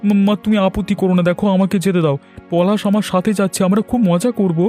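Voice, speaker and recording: Guy doing a headstrong cartoon son, high but mellow voice, music behind. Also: fairly even intonation, quick pace, lightly acted. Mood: stubborn son. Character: stubborn young son and calm protective father.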